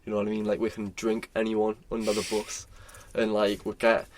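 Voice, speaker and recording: A man's voice: on the low side, monotone, fairly quick, darkish tone, slight background noise. A young man with a Geordie accent, co-hosting a podcast in casual chat, rambling and swearing freely with plenty of fillers. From North East England. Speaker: podcast co-host.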